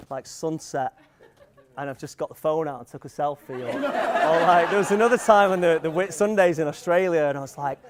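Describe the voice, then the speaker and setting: A young man with a Manx accent giving an informal wedding speech as the groom, in a joking, rambling, hesitant manner. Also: on the high side. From Isle of Man. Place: wedding venue. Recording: live event room with guests audible. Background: wedding crowd.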